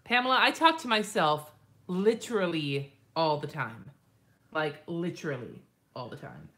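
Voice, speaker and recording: Low-voiced woman chatting while drawing. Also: very animated, unhurried, a bit bright. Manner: rambling, chatty, swears freely, laughs often. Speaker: lettering artist and live-stream host. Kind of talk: casual live-stream chat while drawing.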